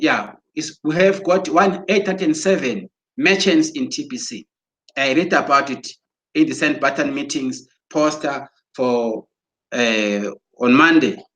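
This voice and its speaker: A man giving an excited promotional talk, exhorting listeners and often restarting his words as he goes. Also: fairly high pitch. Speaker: broadcaster.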